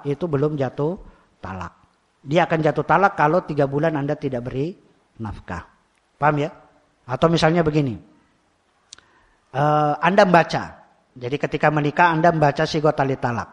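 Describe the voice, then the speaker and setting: A man with a Javanese Indonesian accent teaching a religious study class, often asking rhetorical questions and repeating key phrases. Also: a little high. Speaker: Islamic teacher.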